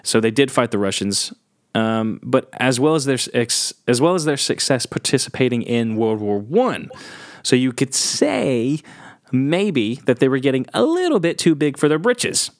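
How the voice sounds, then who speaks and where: A man's voice: mid-range voice, sing-song, normal speed, no room sound, clean studio sound. A man co-hosting a casual history podcast, joking and laughing often, talking through facts with loose restarts. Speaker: podcast co-host.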